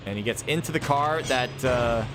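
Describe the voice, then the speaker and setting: A man's voice: medium pitch, background noise. Man casting a live game over gunfire. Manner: quick excited calls with chatty self-talk asides. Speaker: esports caster. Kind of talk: live play-by-play commentary. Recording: game gunfire and vehicles behind voice.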